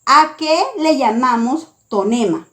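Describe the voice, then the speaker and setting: A woman teaching a lesson, reading out a scripted explanation in a careful, deliberate way. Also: fairly high pitch, lively intonation, fairly bright tone. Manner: slow, careful, deliberate delivery.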